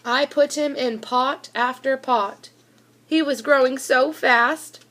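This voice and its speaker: A school reader with a high voice reads a children's picture book aloud, taking her time. Her delivery is deliberate and animated, giving the words expressive emphasis.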